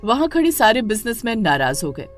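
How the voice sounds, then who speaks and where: A woman narrating an animated family story in a scripted, expressive way. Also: a little high, a little fast, faint music behind.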